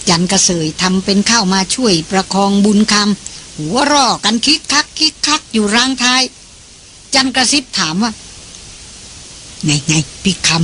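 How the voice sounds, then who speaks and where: Audiobook reader doing steady novel narration, middle pitch, little bit of hiss.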